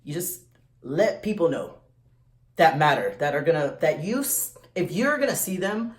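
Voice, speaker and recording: A man talking casually to viewers in a vlog, animated and blunt, full of slang and quick restarts. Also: fairly high pitch. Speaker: vlogger. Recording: echoey room.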